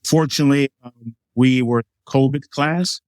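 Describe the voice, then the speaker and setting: With a mid-range, slightly mellow voice and a somewhat slow pace, a middle-aged man from Liberia talks as a chef guest in a casual interview. He explains his food easily, giving examples and using plenty of fillers. The recording is dry.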